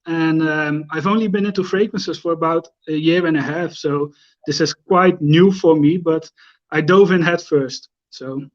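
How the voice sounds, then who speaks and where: A man's voice: a little high, fairly even intonation, moderate pace, highs cut off. A man in his thirties from the Netherlands with a Dutch accent, a guest chatting casually and rambling with many fillers over a video call. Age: 30s. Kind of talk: casual remote chat.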